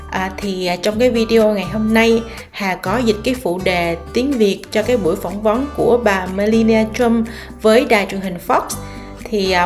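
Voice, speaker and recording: A woman vlogger giving a casual, chatty introduction with many filler sounds. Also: mid-range voice. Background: guitar music.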